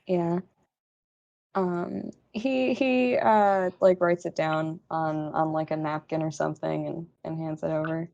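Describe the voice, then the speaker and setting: A woman's voice: low-pitched, fairly even intonation, creaky, darkish tone, lo-fi sound. A woman playing a tabletop game in casual chat, speaking hesitantly with frequent restarts. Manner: hesitant, halting, laughs often. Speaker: player.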